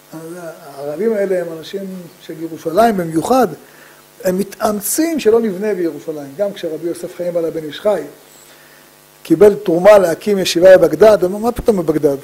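A man teaching a religious lesson from the pulpit, his voice pitched high for a man yet mellow and soft at the edges. He has a slightly husky, unpolished tone. He poses rhetorical questions, answers them himself, and leans on repeated phrases, with frequent "uh" pauses between thoughts. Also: rough recording. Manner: emphatic repetition of key phrases. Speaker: rabbi giving a Torah lesson.

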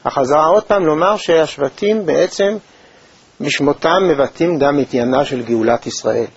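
A man teaching a Torah lesson in a measured, thoughtful way, with pauses and hesitations. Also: a little high, slightly rough. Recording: dull, lo-fi recording.

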